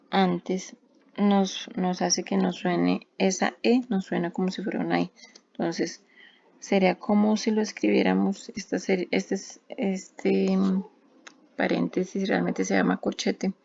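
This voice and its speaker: Gravelly-voiced woman teaching English grammar. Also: medium pitch, a little mellow. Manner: patient, step-by-step with rhetorical questions. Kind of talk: explaining grammar rules. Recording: dull lo-fi recording.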